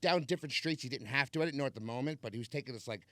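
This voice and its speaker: A man's voice: medium pitch, very fast, sharp tone, no echo. Laid-back New man telling a story. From New York. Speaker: podcast guest. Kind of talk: casual storytelling anecdote.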